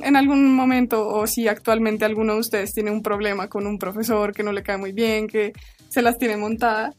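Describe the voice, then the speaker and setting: A young woman, hosting a podcast and telling a story in a casual, animated way. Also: a little high. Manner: animated, laughing while telling. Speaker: podcast host.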